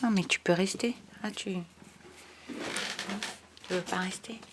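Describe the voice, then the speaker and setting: A woman teacher giving a remote spelling lesson to young children, patient, spelling out letters one by one and dropping into soft asides. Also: medium pitch, steady tone, measured pace, very noisy. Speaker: primary school teacher.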